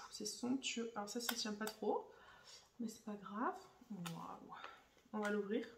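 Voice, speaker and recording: A young woman vlogger unboxing makeup in casual chat, gushing and excitable as she talks to her viewers. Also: medium pitch, slight background noise. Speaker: beauty vlogger. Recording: echoey room, voice a bit far from the mic.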